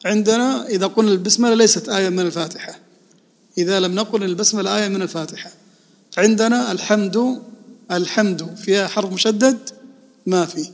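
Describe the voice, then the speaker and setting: A man's voice: high-pitched, quick pace, big-room sound. A man giving a religious lesson, repeating key words and quizzing his listeners before answering himself. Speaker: religious teacher.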